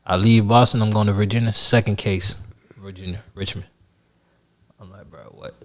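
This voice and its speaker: A man co-hosting a podcast, telling loose slang-heavy stories in casual chat that often trail off quietly. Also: lowish voice, fairly even intonation, moderate pace, slight background noise. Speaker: podcast co-host.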